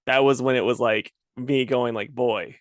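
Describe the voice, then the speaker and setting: A man co-hosting a casual podcast chat, animated and quick to laugh. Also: mid-range voice, no room sound, clean studio sound. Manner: animated, laughs a lot, puts on joking voices. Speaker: podcast co-host.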